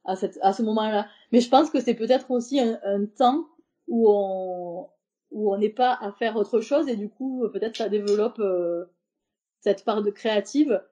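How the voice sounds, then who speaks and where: Femme invitée à la voix douce et chaude. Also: female voice, mid-range voice, moderate pace, dark tone, highs cut off. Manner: hesitant, many fillers and restarts. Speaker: podcast guest, embroiderer. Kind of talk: casual interview talk.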